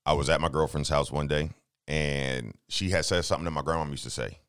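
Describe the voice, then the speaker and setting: Low-voiced guy, rambling story talk, swears a lot, keeps saying "you know what i'm saying". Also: fairly quick, a bit bright, smooth. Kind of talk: casual storytelling chat.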